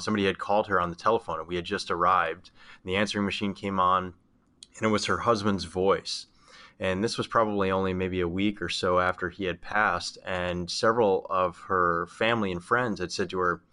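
Male host, low pitch, bright tone, hesitant, restarts, tells an anecdote before asking. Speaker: interviewer and host. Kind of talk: interview question with a personal anecdote.

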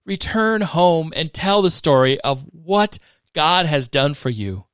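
A man reading scripture speaks the lines of a calm, commanding male teacher in a firm, measured way. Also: fairly high pitch, clear, resonant tone, no echo, clean studio sound.

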